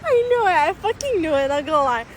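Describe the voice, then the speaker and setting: High-pitched young woman, excitable slangy millennial chatter. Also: fast talker. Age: young adult. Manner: millennial-style slangy speech full of "like", "literally" and exclamations; switches between English and Arabic. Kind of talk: casual chat, vlogging with a friend. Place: outdoors on a public beach. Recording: noisy busy outdoor location, crowd around.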